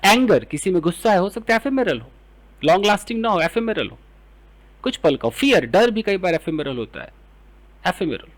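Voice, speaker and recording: A man with an Indian English accent teaching English words, explaining in Hindi and reading example sentences slowly. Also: high-pitched, sing-song. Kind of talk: vocabulary lesson.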